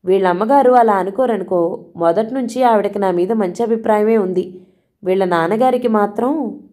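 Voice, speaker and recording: A woman voicing a caring man, an elder brother who questions slowly and gently. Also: mid-range voice, natural voice. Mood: concerned. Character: male hospital patient, caring elder brother.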